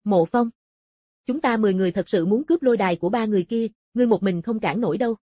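Lady doing a cocky menacing rival fighter in an audiobook, taunting, husky and mellow. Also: mid-range voice, racing, no echo, natural voice. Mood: sneering threat. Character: arrogant, menacing rival martial-arts fighters. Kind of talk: audiobook character dialogue.

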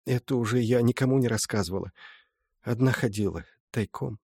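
A man's voice: mid-range voice, fairly quick, gravelly, breathy edge, no room sound, studio quality. A man voicing a humble old village mother. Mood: confiding. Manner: soft storytelling, folksy and confiding. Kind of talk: audiobook reading.

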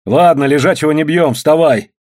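Man doing brusque brawler, husky, barking orders, audiobook. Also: mid-range voice, animated, normal speed, darkish tone, natural voice. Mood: gruff. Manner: brusque, commanding.

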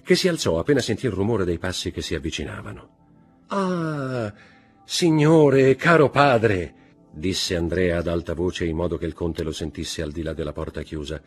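A man reading a classic novel aloud in a measured storytelling manner. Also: deep voice, breathy edge, soft background music. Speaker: audiobook reader. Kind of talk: scripted literary narration.

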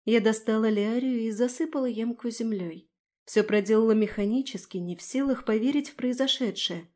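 A woman narrating a first-person fantasy audiobook in an expressive, storytelling manner. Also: on the high side, brisk.

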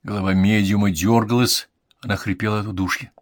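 A man's voice: fairly low pitch, steady tone, fairly quick, dry recording, clean studio sound. A man narrating an audiobook in a dramatic reading style.

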